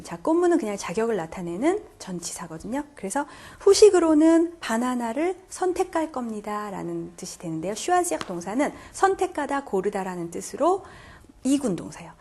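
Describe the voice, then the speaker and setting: A woman's voice: on the high side, a little mellow. A woman teaching French grammar in Korean, patiently walking through each step and quizzing her viewers. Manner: patient, repeats "자" to pace steps, quizzes viewers. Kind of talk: classroom grammar lecture.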